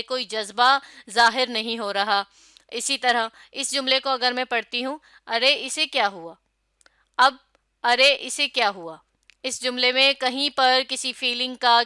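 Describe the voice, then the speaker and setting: A woman teaching a recorded Urdu reading lecture, reading example sentences and reciting verses slowly before explaining them. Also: a little high, pushed and bright, clear, resonant tone, dry recording, studio quality. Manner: reads example lines and verses aloud, then explains them; slow, drawn-out recitation of verse.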